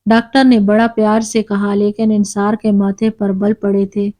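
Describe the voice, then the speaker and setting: A woman narrating a moral story in a steady storytelling manner. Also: mid-range voice.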